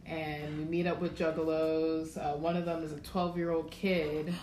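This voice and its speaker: Low-voiced woman telling a laid-back story. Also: flat delivery, moderate pace, a little mellow. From Maryland, USA. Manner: laid-back storyteller, full of filler words. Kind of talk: casual podcast chat. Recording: roomy echo, faint background noise.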